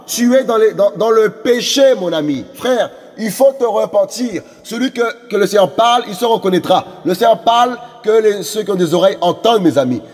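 A man's voice: high voice, lively intonation, fairly quick, few pauses, darkish tone, long reverb tail. A male preacher delivering a fervent sermon, repeating phrases and stumbling over fillers as he exhorts. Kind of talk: evangelistic sermon.

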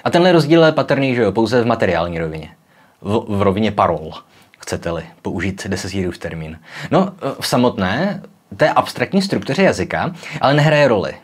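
Young guy, lowish voice, chatty explainer, keeps tossing in little tag questions. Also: expressive, breathy edge. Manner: chatty, with frequent tag questions and filler words; demonstrates sounds aloud. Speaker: educational video host. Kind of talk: casual popular-science explainer.

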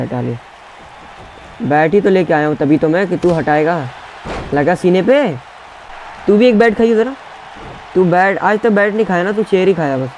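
A young man giving excited gameplay commentary, taunting his opponents and barking commands as he plays. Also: fairly high pitch, a little hiss or hum, low-quality recording. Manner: trash-talking, taunting opponents, shouting commands. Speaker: gaming YouTuber.

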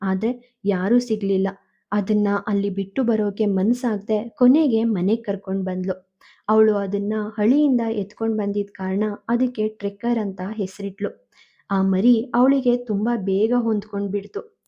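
A woman narrating an emotional story in a measured, even reading style. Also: mid-range voice, highs cut off.

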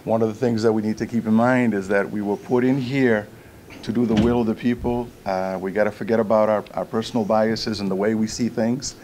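A man's voice: fairly low pitch, steady tone, a little fast, darkish tone, slight background noise. Formal man chairing a council meeting. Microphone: desk microphone.

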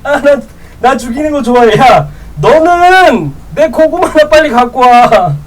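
A woman streaming a game live, teasing other players in loud banter and laughing often; her voice sits a little off-mic. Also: high-pitched, expressive, measured pace, far from the mic, poor audio. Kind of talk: live gameplay chat with viewers.

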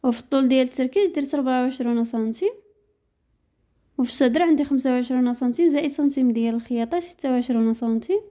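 Speaking quickly in a high, mellow voice, a woman with a Moroccan Arabic accent narrates a sewing tutorial one step at a time. She's a sewing teacher, and she reads the measurements in a brisk, no-nonsense way.

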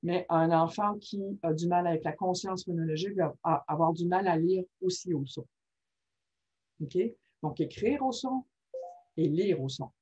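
Her voice is fairly low-pitched and a bit rough, moving at normal speed. She is a workshop presenter on reading disorders whose informal, lively teaching talk is peppered with "ok?" check-ins, captured on a muffled lo-fi recording.

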